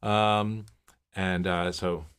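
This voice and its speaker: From a home office, this livestream host, a Miami native in his fifties, chats casually through viewer comments with rambling stories full of fillers. He speaks very slowly and flatly in a low, clear, resonant voice that is a bit bright.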